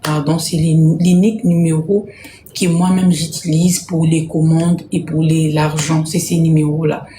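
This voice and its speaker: A woman from Congo hosting a casual live stream to sell jerseys, speaking softly and repeating herself. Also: low-pitched, little pitch movement, normal speed, reverberant, a little hiss or hum. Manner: soft-spoken, repeats herself. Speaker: livestream host selling jerseys. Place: home room, indoors.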